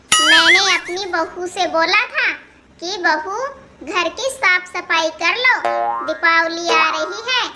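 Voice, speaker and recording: A performer voicing a cranky old mother-in-law in a cartoon comedy, scolding and calling names. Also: very high voice. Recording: loud background noise.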